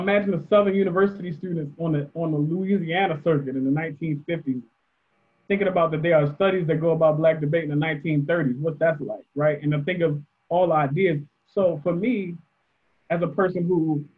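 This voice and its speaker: A man's voice: a little high, breathy edge. A debate coach speaking on a panel, thoughtful, often repeating words as he starts a sentence. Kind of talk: panel discussion answer. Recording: muffled phone-like audio.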